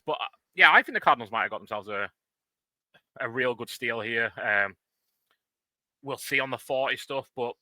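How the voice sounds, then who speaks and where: A man talks football on a casual podcast, thinking out loud with plenty of fillers. His voice is very bright and forward. The recording is close and dry, with no room sound. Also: mid-range voice, no room sound, low-quality recording. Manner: relaxed, analytical, many fillers. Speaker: podcast co-host. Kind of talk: casual sports podcast chat.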